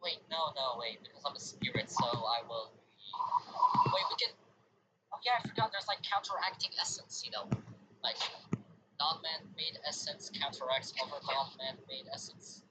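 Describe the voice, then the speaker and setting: A man playing a tabletop game over a voice call, who keeps correcting himself as he thinks aloud. His pitch swings around a lot, and loud noise sits under his voice. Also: lively intonation, moderate pace. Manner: restarts and corrects himself, trails off. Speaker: player. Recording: voice chat with loud background noise.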